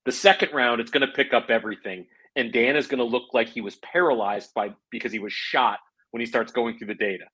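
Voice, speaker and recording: A man's voice: medium pitch, pushed and bright, breathy edge, low-quality recording. A man co-hosting a casual golf podcast, enthusiastic about equipment and teasing his co-host. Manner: teasing, enthusiastic, quick to joke.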